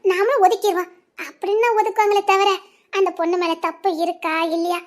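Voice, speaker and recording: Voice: very high voice, steady tone, fast. A performer voicing an anxious young wife and former medical student with a Tirunelveli Tamil accent in a dubbed family drama, speaking with worry and earnestness. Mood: earnest. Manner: worried, earnest, talking plainly about past hurt.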